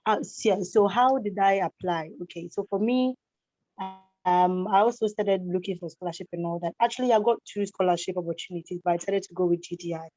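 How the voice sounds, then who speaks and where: On an online webinar panel, a scholarship recipient from Ghana offers straightforward advice, restating her points to drive them home. She speaks fairly quickly in a lowish, mellow voice, with faint music behind her and dull, dry lo-fi call sound.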